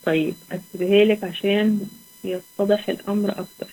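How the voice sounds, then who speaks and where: Young Egyptian woman in her own voice, a patient recitation teacher who quizzes and then explains, mid-pitched. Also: fairly even intonation, a little mellow, poor audio. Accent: Egyptian Arabic. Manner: patient, asks questions then answers them, drawls example words slowly. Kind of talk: online tajweed lesson.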